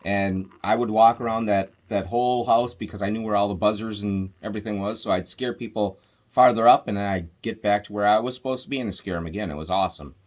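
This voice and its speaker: Co-host guy, kinda low voice, relaxed and chatty. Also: quick pace. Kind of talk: casual chat.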